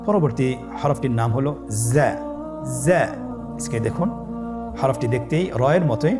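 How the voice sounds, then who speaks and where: A man teaching Arabic letters for Quran reading step by step, calm and patient, with a Bangladeshi accent, drawing out each letter sound for listeners to repeat. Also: medium pitch. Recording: voice over background music.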